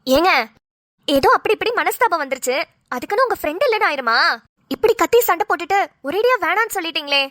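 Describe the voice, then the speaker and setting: A woman voicing a sarcastic, sharp-tongued mother in a cartoon who teases and argues. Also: very high-pitched, expressive, fast talker, no echo, studio quality. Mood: argumentative. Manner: sarcastic, teasing. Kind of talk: Tamil cartoon voice acting.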